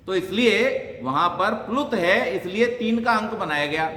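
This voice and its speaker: A man's voice: high-pitched, expressive, unhurried, sharp tone. A man, a pandit teaching Sanskrit pronunciation, who asks questions and answers them himself. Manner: explains by asking and answering his own questions, demonstrates sounds. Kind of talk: religious teaching talk. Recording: echoey hall with long reverb.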